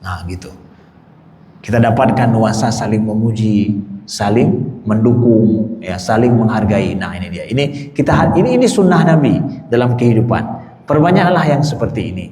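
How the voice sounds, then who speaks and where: A man giving a mosque sermon with questions from the congregation, speaking in an animated way with rising emphasis, repeating phrases and addressing the listeners directly. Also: on the low side, moderate pace. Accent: Indonesian. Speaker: ustadz giving a mosque lecture. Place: large mosque hall. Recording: echoey mosque hall.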